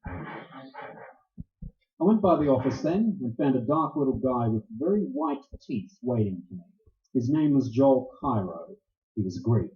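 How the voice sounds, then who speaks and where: A man's voice: medium pitch, expressive, measured pace, pauses often, close to an everyday voice. A man playing a hard-boiled private detective in a 1940s-style radio play, with dry, sardonic, clipped tough-guy talk. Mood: cool, tough. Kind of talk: 1940s radio acting and narration. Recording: roomy, dull lo-fi recording.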